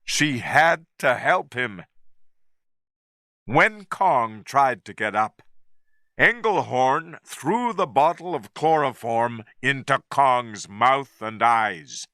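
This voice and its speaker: A man narrating a story at a very slow, deliberate pace for English learners. His voice is bright and lively in pitch, recorded dry and close. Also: no echo. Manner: clear, deliberate reading.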